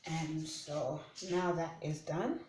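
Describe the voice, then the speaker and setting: Vlogger, woman from Uganda, low-pitched and unhurried, chatty step-by-step kitchen narration, echoey room, mic at a distance. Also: a little mellow, faint music behind. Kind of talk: casual kitchen vlog narration. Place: home kitchen.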